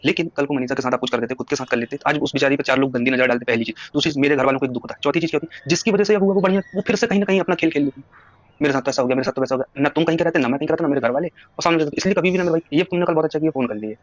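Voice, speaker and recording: On a recorded phone call, a man talks casually yet insistently at length, trying to persuade the other person in a long-winded way. His voice is fairly high and rapid-fire, and the recording is dry.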